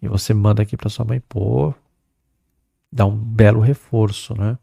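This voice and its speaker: A middle-aged Brazilian man teaching an exam-prep English lesson, chatty and lively, reading English passages aloud slowly. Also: fairly low pitch, creaky, husky, no echo, clean studio sound.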